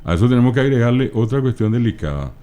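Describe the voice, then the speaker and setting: A middle-aged man with a Paraguayan Spanish accent, patiently explaining language points as an interview guest and spelling out word forms slowly. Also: mid-range voice, big pitch swings, mellow. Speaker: guest, Guaraní language scholar.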